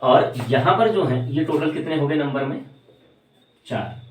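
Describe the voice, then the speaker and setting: A man's voice: on the high side, a little slow, far from the mic. A man teaching an exam-prep lesson at a board. He explains step by step, asking questions and then answering them himself. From Uttarakhand, India. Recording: echoey room, voice from away from the mic.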